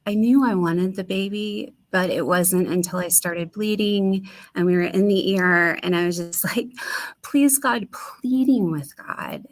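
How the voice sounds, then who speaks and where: A woman's voice: fairly low pitch, fairly even intonation, moderate pace, few pauses. A woman guest telling personal stories in conversation, candid and reflective with some wry humor. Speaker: podcast guest, author.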